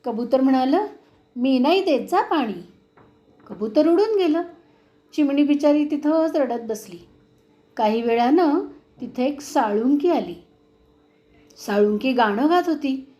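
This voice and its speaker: Slow, gentle woman storyteller. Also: high voice. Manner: gentle, expressive. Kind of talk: children's story narration.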